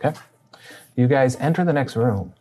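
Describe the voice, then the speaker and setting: Very low-voiced woman running a game. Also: expressive, normal speed, mellow, faint music behind. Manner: easygoing, describes scenes with fillers and restarts. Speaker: game master. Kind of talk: narrating a tabletop game.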